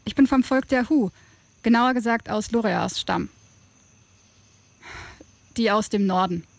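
A woman's voice: on the high side, unhurried, vocal fry, dry recording. An actress playing a cheeky, unfazed tribeswoman in an audio drama, with a casual, mocking manner. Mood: teasing. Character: cheeky, unfazed tribeswoman, teasing but helpful rebel.

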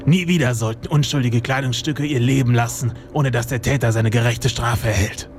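A man's voice: medium pitch, fairly even intonation, moderate pace, background noise, natural voice. A man playing a self-important, theatrical private detective in a noir-style audio drama. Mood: solemn, pompous.

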